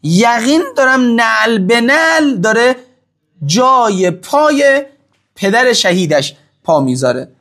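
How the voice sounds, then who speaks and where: High-voiced man, emphatic and repetitive. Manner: emphatic, repeats phrases for stress, swings between loud and hushed. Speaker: religious-political speaker answering audience questions. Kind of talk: impassioned casual talk to an audience.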